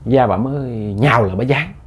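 A man's voice: mid-range voice, fast talker, husky. A man telling a ghost story in a folksy, repetitive way, often addressing his listeners.

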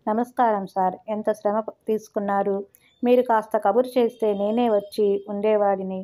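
A woman reading the part of a polite young male graduate in a story, speaking respectfully and softly. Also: medium pitch, steady tone, moderate pace, close to an everyday voice. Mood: humble. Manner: respectful, soft-spoken.

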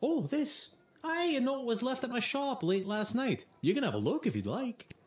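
Scottish painter, proud and touchy, swooping pitch, echoey room, game voice. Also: male voice, moderate pace. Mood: genial. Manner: lilting, genial, lively swings in pitch.

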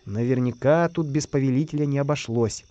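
A man's voice: medium pitch, a little fast, dark tone, no room sound, highs cut off, lightly acted. A man voicing a sober little iron craftsman in a matter-of-fact, sighing way.

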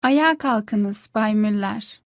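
A woman's voice: medium pitch, takes it slowly, no echo, studio quality. A woman carefully repeating short phrases for a language course. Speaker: Turkish phrase reader. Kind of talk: scripted phrasebook reading.

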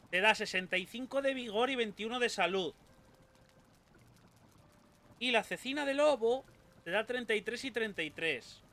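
High-voiced swearing gamer. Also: male voice. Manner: swears often, yelps and shouts when attacked. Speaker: gaming YouTuber. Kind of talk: casual gameplay commentary.

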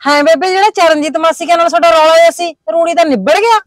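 A woman's voice: very high voice, fast, no echo. A woman playing a village headman's worried wife, with a Punjabi accent, complaining about her husband. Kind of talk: village comedy drama.

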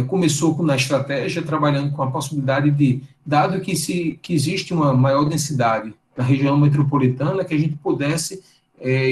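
Man, thirties, from Brazil, online talk over slides, fairly high voice, roomy echo, video call. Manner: conversational, many fillers and tag questions. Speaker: guest lecturer. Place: indoor room. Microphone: webcam on a video call.

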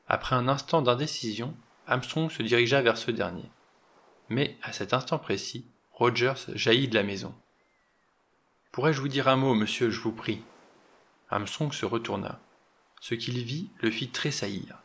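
A man narrating an audiobook in a steady, measured reading voice. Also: mid-range voice.

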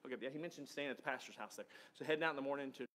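Chatty pastor, laughing often. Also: male voice, medium pitch, rapid-fire, fairly bright tone. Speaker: pastor leading praise time. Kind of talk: casual church talk with congregation.

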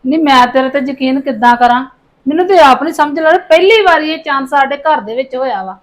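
A woman's voice: sits high, fast, close to an everyday voice. A woman playing a stern mother-in-law who scolds and gives orders. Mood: accusing. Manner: scolding, commanding.

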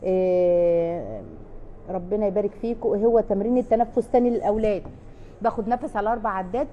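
Egyptian woman in a live chat, fast, restarts a lot, faint room hum. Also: medium pitch, dull audio. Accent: Egyptian Arabic. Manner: chatty, fast, with frequent restarts and emphatic repeats. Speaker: family counselor answering viewers. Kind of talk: casual live chat answering questions.

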